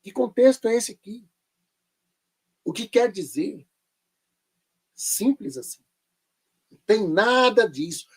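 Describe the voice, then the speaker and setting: A man's voice: high voice, expressive, takes it slowly, long pauses, breathy edge. A man teaching a live online Bible lesson, sarcastic and full of rhetorical questions.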